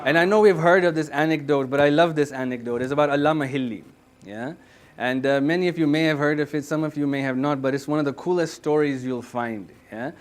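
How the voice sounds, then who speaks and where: A man's voice: on the high side, brisk. A man giving a Friday sermon as imam. He speaks earnestly, tells a story and keeps checking in with his listeners. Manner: tells stories with many "yeah?" checks to the listeners; earnest, exhorting.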